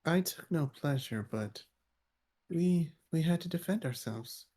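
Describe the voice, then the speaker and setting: A woman playing her tabletop character in a slow, measured way. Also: low-pitched, expressive, warm tone, husky. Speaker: player.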